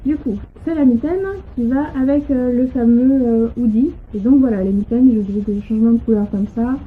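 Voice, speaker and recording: A woman with a fairly high voice talks through her crafting projects in a hesitant, casual show-and-tell, pausing on fillers and restarting her sentences. The recording is tinny and phone-like, made at home on a sofa, with faint hiss behind her. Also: steady tone. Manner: hesitant, full of "euh" and restarts. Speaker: knitting and crochet podcaster. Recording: tinny low-quality home audio.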